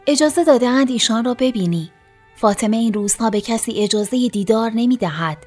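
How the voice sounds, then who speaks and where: An actress playing a brisk, discreet young female attendant in an audio drama. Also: on the high side, expressive, darkish tone, faint music behind. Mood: urgent, hushed.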